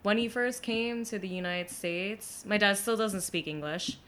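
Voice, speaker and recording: A woman's voice: mid-range voice, a little slow, a bit bright, slight background noise. A young woman from Brooklyn, a guest in an interview, telling her story in a chatty way with many fillers and restarts. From Brooklyn, New York.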